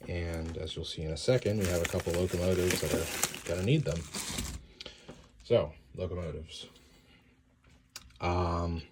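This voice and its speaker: A man casually narrating an unboxing, relaxed and halting with many fillers, his voice a little worn. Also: sits low. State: slightly losing his voice. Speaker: model train hobbyist. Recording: loud background noise and crinkling.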